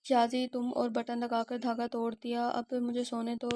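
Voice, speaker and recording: Woman doing a snappish young wife in a storybook, slightly high, flat. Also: moderate pace, slight background noise, close to an everyday voice. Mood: irritated. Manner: snappish, exasperated. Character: irritated sleepy young wife.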